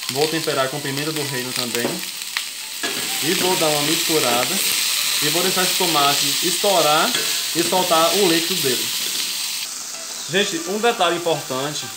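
In his home kitchen, a young Brazilian man hosts a casual cooking tutorial, explaining each step in a friendly, chatty way and repeatedly calling viewers "folks." He speaks with a Brazilian Portuguese accent, his voice on the high side, at a moderate pace with long pauses. Heavy background noise and music fill the echoey kitchen.

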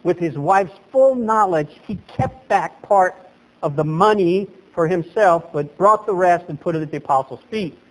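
Standing at a lectern in a small chapel, a middle-aged man delivers a sermon as pastor, lively and gesturing, his voice springing up to stress points. It's a high voice at normal speed, captured in a rough recording.

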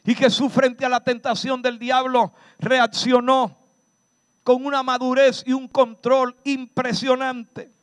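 A man, a pastor, preaching a sermon with shouted peaks and dramatic slowdowns. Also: extremely high pitch, level tone, smooth, dry recording. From Dominican Republic.

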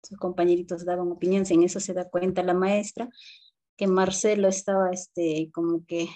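A woman's voice: on the low side, flat delivery, normal speed, warm tone. A woman student with a Peruvian accent narrating a role-play story in class, informally and with many fillers. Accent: Peruvian Spanish.

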